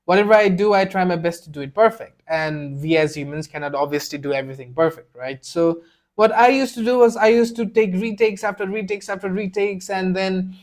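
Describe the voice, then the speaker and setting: A young man who speaks Nepali as his first language gives a blunt, earnest motivational talk straight to the camera, repeating phrases for emphasis. He is a self-improvement video creator with a high, brisk voice, recorded on the camera mic.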